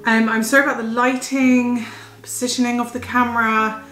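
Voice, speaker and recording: A young, heavily pregnant woman, slightly out of breath, chats enthusiastically in a casual food haul vlog at home. Her voice is a little high and a bit bright, with a level tone at a normal pace, in a roomy recording with faint music.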